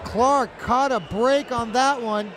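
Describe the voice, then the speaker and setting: A man's voice: extremely high pitch, slow pace, background noise. A man giving conversational, emphatic color commentary on an MMA fight, often repeating himself. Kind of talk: live MMA analysis, conversational. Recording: crowd and music behind.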